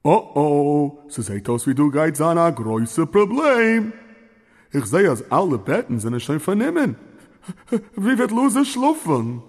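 A man's voice: on the high side, sing-song, unhurried, in a large hall, full character voice. A man voicing a jolly, fussy older rabbi uncle who stammers and chuckles. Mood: jovial.

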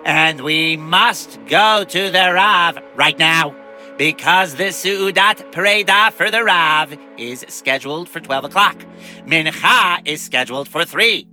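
A man's voice: a little high, takes it slowly, sharp tone, faint music behind, heavily acted. A man voicing a pompous, boastful rich businessman in a children's story, talking grandly and sprinkling in Hebrew words. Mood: urgent.

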